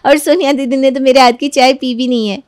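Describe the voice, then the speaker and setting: Cartoon story: earnest young bride, woman voiced, high and bright, pleads innocence. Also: fairly even intonation, a little fast, no echo, clean studio sound, natural voice. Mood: protesting.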